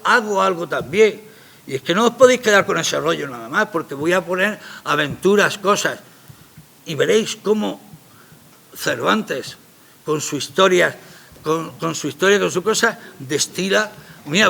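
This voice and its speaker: A man's voice: high voice, creaky, sharp tone. A man, a playwright talking about his play in a radio interview, emphatic and rambling in a colloquial way.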